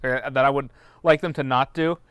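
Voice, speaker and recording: Smooth-voiced man, blunt opinions. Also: medium pitch, fairly even intonation, a little fast, a bit bright, dry recording. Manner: opinionated, blunt, swears casually. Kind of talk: casual chat.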